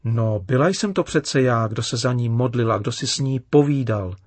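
A man voicing an upset young girl in a children's story, read with gentle emphasis. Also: medium pitch, no echo, natural voice. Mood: pleading.

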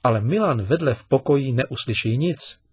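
A man voicing a patient father who gently questions his son in a storybook reading. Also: mid-range voice, animated, breathy edge, pitched above the performer's own voice. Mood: questioning. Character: patient, gently teasing middle-aged father.

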